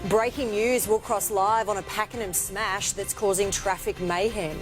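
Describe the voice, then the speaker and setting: A woman's voice: medium pitch, fairly even intonation, normal speed. An Australian woman reading scripted tabloid TV news headlines in a dramatic, emphatic way. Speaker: television news presenter. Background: news theme music.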